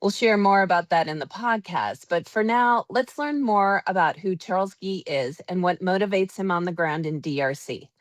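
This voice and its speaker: A woman's voice: lowish voice, moderate pace, hardly any pauses, dry recording. A woman hosting a podcast, reading a polished, upbeat introduction and then interviewing her guest. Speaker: podcast host.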